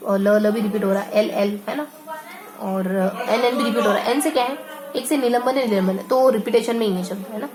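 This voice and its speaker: A woman teaching an exam-prep lesson, slowly repeating and stretching words as she explains memory tricks. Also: on the high side.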